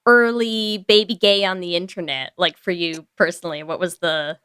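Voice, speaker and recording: A woman co-hosting a podcast, playful and quick to laugh, with short reactions. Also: on the low side, steady tone, fairly bright tone, clear, resonant tone, dry recording. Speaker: podcast co-host. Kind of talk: casual podcast chat.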